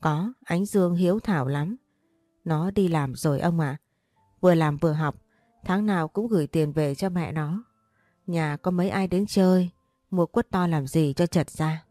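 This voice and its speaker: A woman voicing an older widowed mother speaking gently through tears to her late husband in an audio story. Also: fairly low pitch, normal speed, no room sound, studio quality, faint music behind, lightly acted. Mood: tearful. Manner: gentle, sobbing.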